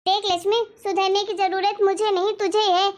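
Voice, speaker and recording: A woman's voice: very high voice, little pitch movement, moderate pace. A woman voicing a loving elderly mother-in-law in a family cartoon story, scolding fondly and insisting firmly. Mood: firm defending.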